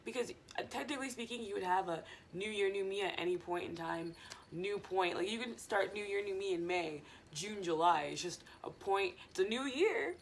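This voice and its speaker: Rambling stoner woman with gravelly vocal fry. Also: mid-range voice, moderate pace, a little hiss or hum. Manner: rambling stoner, loose and digressive. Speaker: vlogger. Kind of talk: casual chat to viewers.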